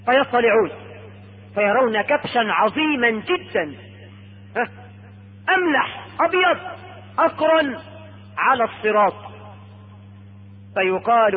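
A male Egyptian preacher giving a sermon, telling the story with drawn-out, emphatic lines. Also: very high-pitched, lively intonation, slightly rough, phone-quality sound. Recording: echoey hall over radio broadcast.

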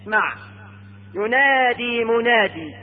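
A male Egyptian preacher giving a sermon, telling the story with drawn-out, emphatic lines. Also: very high voice, animated, narrow, tinny audio. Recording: echoey hall over radio broadcast.

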